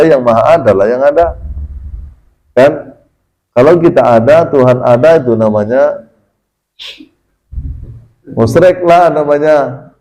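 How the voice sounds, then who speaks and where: A man with a fairly high but mellow, warm voice leads a religious study session. He talks in an easy, conversational way, then jumps up in pitch for emphatic points. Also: rough recording. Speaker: Islamic religious teacher. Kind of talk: casual religious study lecture.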